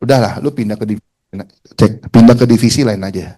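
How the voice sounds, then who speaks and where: A motivational speaker with a fairly low voice talks fairly quickly as he tells an audience a personal story. He uses colloquial Jakarta slang and stays animated throughout. He acts out the other people in the story by mimicking their voices.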